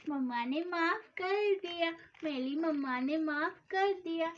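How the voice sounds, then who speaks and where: A woman's voice: extremely high pitch, slow, slight background noise. A woman voicing a timid little girl with a childlike lisp, whiny and pleading, in a storybook doll-play story. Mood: happy. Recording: dull lo-fi sound.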